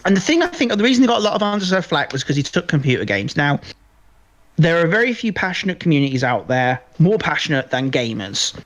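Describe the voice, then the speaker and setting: Fast and a bit bright, this man's fairly high voice swings widely in pitch as he co-hosts a podcast. He casually reviews films with strong opinions, stressing his points by repeating phrases.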